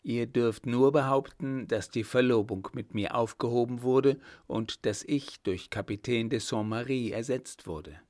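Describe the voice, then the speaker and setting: An earnest young hussar officer, voiced by a male reader in a mid-pitched, steady voice. He explains calmly and gravely, recorded close and dry. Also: a little slow, hardly any pauses, no room sound, lightly acted.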